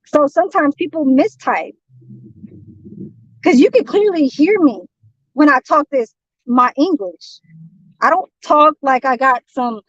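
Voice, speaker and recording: This high-voiced woman from San Francisco, United States, is ranting heatedly on a livestream, constantly swearing and rambling in a confrontational way. The stream audio is dull, lo-fi and dry, with no echo.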